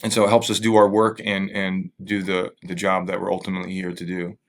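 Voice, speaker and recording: A man speaking as an interviewed museum staffer, explaining things thoughtfully and carefully in a halting, hesitant way. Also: low-pitched, completely flat delivery.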